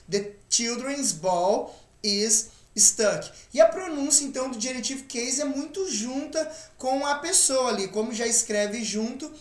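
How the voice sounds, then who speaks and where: A woman's voice: medium pitch, echoey room. A woman with a Brazilian Portuguese accent teaching an online English lesson. She explains patiently, step by step, and often checks that the learner is following.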